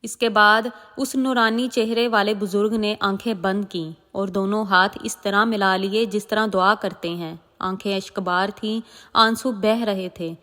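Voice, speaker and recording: A woman's voice: medium pitch, steady tone, bright, forceful tone. Woman storyteller with heavy echo. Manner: dramatic, emotive narration. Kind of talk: narrating a moral religious story. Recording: long echoing reverb.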